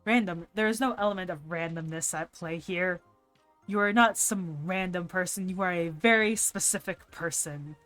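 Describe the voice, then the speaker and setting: A woman's voice: on the low side, moderate pace, fairly bright tone, soft background music, natural voice. Woman playing a pompous soul-reaping spirit. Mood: haughty. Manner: grandiose, theatrical, easily flustered. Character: pompous grim reaper demanding a soul.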